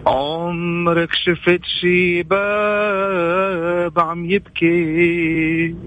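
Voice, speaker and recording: A man calling in from his car and singing slowly, his voice distant from the phone. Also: high-pitched, level tone, narrow, tinny audio. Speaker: caller singing on air. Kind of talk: slow unaccompanied singing over the phone. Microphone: phone line.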